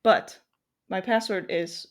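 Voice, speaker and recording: A woman guest on a podcast, quick and upbeat in casual chat. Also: mid-range voice, fairly even intonation.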